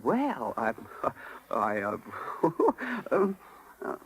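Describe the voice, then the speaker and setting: An actor playing a small, flustered, folksy cricket who stammers earnestly, in a 1930s radio drama. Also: male voice, medium pitch, very animated, very slow, a bit bright, exaggerated voice. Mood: flustered, bashful. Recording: vintage 1930s radio broadcast with music.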